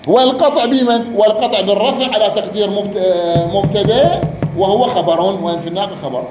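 Man, high pitch, drilling a student on grammar; echoey room, faint background noise. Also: fast talker, muffled recording, music in the background. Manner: repeats words, quizzes the student. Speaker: grammar teacher. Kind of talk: Arabic grammar lesson, question and answer.

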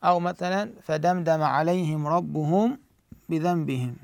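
A man with an Iraqi Arabic accent teaching tajweed, explaining the rules and slowly reciting verse examples. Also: a little high, creaky, no echo, clean studio sound.

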